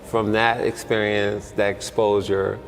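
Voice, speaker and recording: A man's voice: lowish voice, flat delivery, unhurried, big-room sound, slight background noise. A man hosting a TV interview, greeting his guest and asking questions in an upbeat, friendly way.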